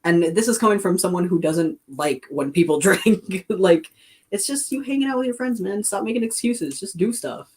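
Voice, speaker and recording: A woman's voice: mid-range voice, lively intonation, normal speed, a little mellow, breathy edge. A woman streamer co-hosts a loose, chatty podcast with a friend. She laughs easily, trails off mid-thought and restarts her sentences. Her voice sits in a middle register. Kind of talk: casual podcast chat.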